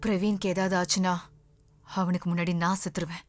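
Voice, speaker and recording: Defiant young daughter, higher voice, movie music behind. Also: female voice, expressive, quick pace. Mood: cold resolve. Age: young adult. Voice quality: pleading, defiant. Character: defiant young daughter who married for love. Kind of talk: dubbed film drama. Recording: film soundtrack with music behind.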